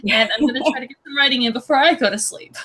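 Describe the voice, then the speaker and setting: A woman podcast host with a Californian accent, chatting casually and telling stories in an animated way. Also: high-pitched, rapid-fire, rough recording. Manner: animated storyteller.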